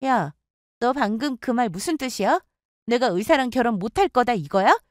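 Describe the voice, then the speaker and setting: A woman's voice: fairly high pitch, lively intonation, moderate pace, no room sound, studio quality, pitched above the performer's own voice, natural voice. A woman doing a smug, jealous young woman. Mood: taunting. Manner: smug, gloating and needling. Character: jealous, taunting young woman, a former friend. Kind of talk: storytelling with acted dialogue.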